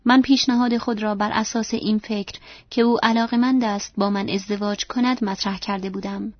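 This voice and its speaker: A woman reading first-person literary narration in a soft, measured way, in a dry, dull lo-fi recording. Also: medium pitch, steady tone, dry recording. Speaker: audiobook narrator.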